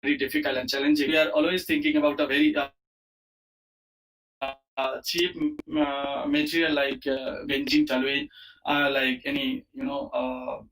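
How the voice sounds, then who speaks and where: A man with an Indian accent giving an online academic lecture as a professor, speaking haltingly with many fillers and repeated words. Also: fairly high pitch, lively intonation, fairly bright tone, poor audio. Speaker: university lecturer, chemistry professor.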